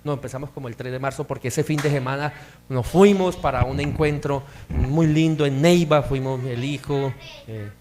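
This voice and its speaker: A man's voice: mid-range voice, moderate pace, a little mellow, slight background noise. A middle-aged male pastor preaching a sermon in a church hall, rising into emphatic bursts as he speaks.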